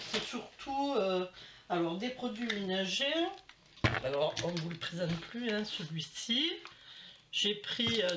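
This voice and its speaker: A middle-aged woman chatting casually to camera at home, rambling and full of fillers as she shows her shopping. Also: fairly low pitch. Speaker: vlogger showing a shopping haul. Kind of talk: casual haul chat to camera. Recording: slightly dull home recording with faint noise.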